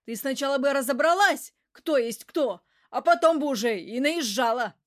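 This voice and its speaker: A woman reading an audiobook, voicing a rough, hot-tempered man who shouts and talks coarsely. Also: sits high, expressive, fairly quick, dry recording, studio quality. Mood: yelling. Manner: shouting, coarse street talk.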